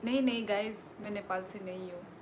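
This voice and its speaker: A young woman from Tripura, speaking with a Northeast Indian accent, chats casually on a live stream, reading viewer comments aloud and thanking people. Her voice is mid-pitched and fairly quick, with background noise around it.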